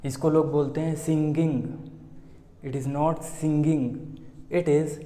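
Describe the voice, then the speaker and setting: A man with an Indian accent teaches English pronunciation slowly and patiently, stretching out each example sound. His voice sits a little high yet sounds mellow. The recording is roomy, with a long reverb tail. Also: flat delivery. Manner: slow, patient explaining with drawn-out demonstration sounds. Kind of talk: spoken pronunciation lesson. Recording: echoey room with long reverb.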